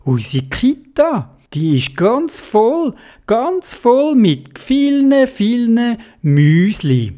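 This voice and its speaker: Woman playing an urgent kindergarten teacher, animated, Swiss German accent, storybook. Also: on the low side, unhurried, exaggerated voice.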